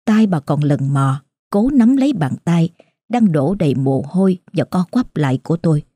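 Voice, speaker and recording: A woman narrating a horror story in an emotive, dramatic manner, over soft background music. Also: deep voice, animated, normal speed, breathy edge, dry recording, studio quality.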